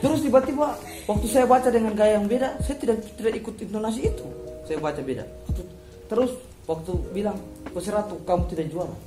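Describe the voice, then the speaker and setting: A young man tells lively anecdotes as a guest writer, slipping into other people's voices as he goes. His voice rings out in a roomy hall. Music plays clearly in the background. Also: high voice, fast. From Maluku, Indonesia. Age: 20s. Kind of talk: anecdotal storytelling.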